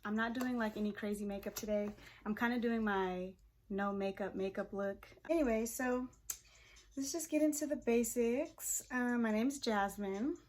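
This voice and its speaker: A woman's voice: fairly high pitch, normal speed. Chatty young woman vlogging her makeup. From Pacific Northwest of the US. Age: 20s. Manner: relaxed and chatty, laughs often, lots of fillers. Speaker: hairstylist and vlogger. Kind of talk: casual chat while doing makeup.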